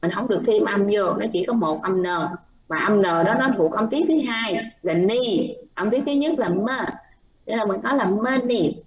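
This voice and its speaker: A woman's voice: medium pitch, normal speed. A woman teaching pronunciation, patiently explaining errors and repeating words as models. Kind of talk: online class feedback, mixing Vietnamese and English. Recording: roomy, distant mic with faint noise.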